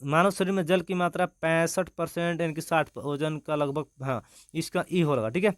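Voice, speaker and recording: A young man in an informal online class, working fast through an exam answer key with many restarts. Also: a little high, fairly even intonation, clear, resonant tone, no echo, studio quality. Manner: talks fast, with frequent restarts and repeated "ठीक है".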